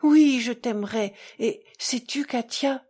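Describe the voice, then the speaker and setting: A woman reading an audiobook, voicing an impulsive, exalted young man who speaks haltingly, stopping at each word. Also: on the high side, lively intonation, darkish tone, husky, heavily acted.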